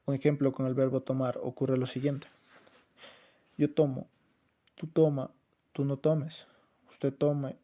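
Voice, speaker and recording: A man reading a group class presentation on verb moods, listing conjugations steadily. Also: medium pitch. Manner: steady, even reading of grammar examples. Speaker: student presenter.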